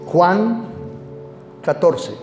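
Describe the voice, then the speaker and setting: A male preacher delivering a sermon at a slow, deliberate pace, firing questions at his listeners. His voice sits very high and rings through a reverberant hall. Faint music plays underneath. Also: animated. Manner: emphatic, reads scripture aloud and quizzes the congregation.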